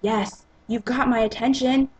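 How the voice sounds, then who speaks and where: A woman's voice: a little high, steady tone, measured pace, darkish tone, a little hiss or hum, voice pushed up, natural voice. A woman voicing an inexperienced, nervous, curious young woman in a theatrical, earnest romance novel reading.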